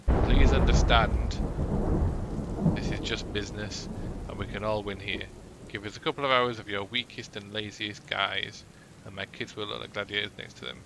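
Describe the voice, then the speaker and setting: A man's voice: fairly low pitch, steady tone, brisk, gravelly, noisy background. A man playing a police management game, reading its dialogue and event text aloud with dry asides. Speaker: gaming YouTuber.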